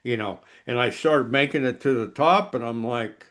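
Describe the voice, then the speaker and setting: A man hosting a podcast, asking relaxed questions in a casual interview. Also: medium pitch, normal speed. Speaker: podcast host.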